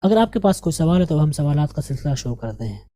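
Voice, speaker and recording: Speaking English with an Indian Urdu-speaking accent, this woman gives a grammar and vocabulary lesson in a low, mellow, dark voice marked by big swings in pitch. Each word is taken at a slow, careful pace and repeated for pronunciation. The sound is close-miked and dry.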